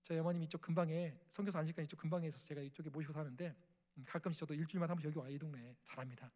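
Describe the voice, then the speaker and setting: High-voiced dialect male preacher. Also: steady tone, racing, warm tone, highs cut off. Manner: acts out family prayers and dialogue with rising emotion. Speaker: missionary preacher. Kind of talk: emotional testimony sermon. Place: church sanctuary.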